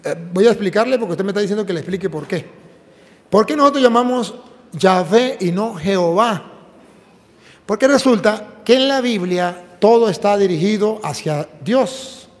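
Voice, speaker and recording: A priest preaches with a high, bright-sounding male voice, driving each point home with emphatic explanations and rhetorical questions. His words ring out with a long reverberant tail from the church around him. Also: expressive, moderate pace. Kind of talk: preaching and apologetics dialogue.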